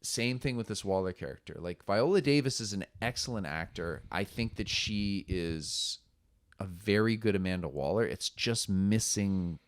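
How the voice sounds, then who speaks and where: A low-voiced man co-hosting a podcast, laid-back and wry in his delivery. The sound is dry and close to the mic, with no room around it. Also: expressive, moderate pace, no room sound. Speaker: podcast co-host. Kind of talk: casual chat.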